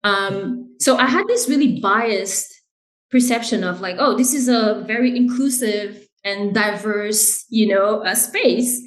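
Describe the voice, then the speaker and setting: A woman's voice: mid-range voice, slow pace. Woman from haiti chatting in an interview, earnest, keeps saying right and you know, echoey room. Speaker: guest, brand director. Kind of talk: casual interview conversation.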